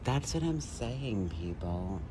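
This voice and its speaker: A man in his thirties, rambling and lecturing excitedly into a phone held at arm's length outdoors. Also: fairly low pitch, slow, background noise. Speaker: vlogger. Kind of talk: rambling selfie monologue. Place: outdoors by a building wall.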